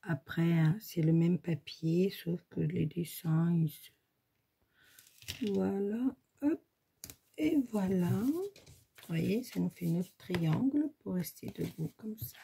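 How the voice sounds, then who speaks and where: A woman in her 40s to 60s, a grandmother with a slight cold, chats casually as she shows a paper craft step by step in her home workshop. Her voice is lowish, slow and gravelly, warm in tone, with long pauses and a little hiss or hum on the recording. She's chatty, thinks aloud, and keeps saying "hop" and "voilà."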